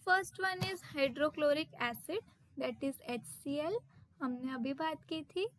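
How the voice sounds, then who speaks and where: High-pitched woman going through a textbook lesson, slow and careful, spells out english terms word by word. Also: fairly bright tone. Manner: reads English terms out slowly, one by one. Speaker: teacher.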